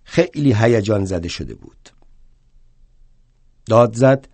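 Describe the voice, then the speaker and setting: An older man playing a proud, indignant aging male revolutionary thinker in a one-man stage play, telling his story wryly and flaring into indignant shouts. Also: fairly low pitch, animated, creaky, no echo.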